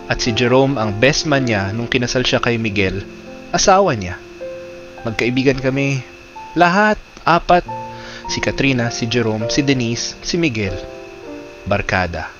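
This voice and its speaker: A man narrating a dramatic first-person story in short, clipped phrases, rising to shouts in the quoted outbursts. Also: medium pitch, normal speed. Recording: slightly dull audio under loud music.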